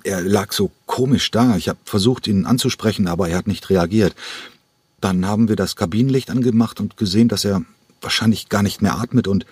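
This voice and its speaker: A man voicing an anxious young female flight attendant with a hoarse voice. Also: on the low side, brisk, darkish tone, no room sound. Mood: shaken.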